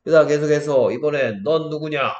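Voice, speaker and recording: A man's voice: on the high side, a little fast, darkish tone, roomy sound, dull audio. A man tutoring English, checking often that his pupil follows. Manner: coaxing teacher, many check questions. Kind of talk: one-on-one English lesson in Korean.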